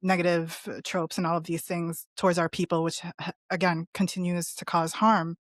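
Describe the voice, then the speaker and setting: Earnest woman on a podcast, low-pitched. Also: little pitch movement, a little fast, no echo, clean studio sound. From Palestinian family. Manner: earnest, many restarts and fillers. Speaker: podcast guest panelist. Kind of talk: casual podcast discussion.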